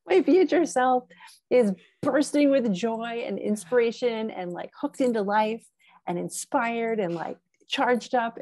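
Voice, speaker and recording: A woman's voice: on the high side, darkish tone, no room sound. A woman chatting as a guest on a podcast, talkative and giggly, with lots of ums and likes. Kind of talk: casual conversational interview.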